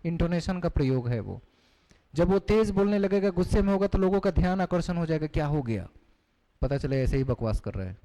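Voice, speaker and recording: A man's voice: fairly high pitch, dark tone. A male teacher giving a classroom lecture, explaining terms and putting questions to the class. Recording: long hall reverb.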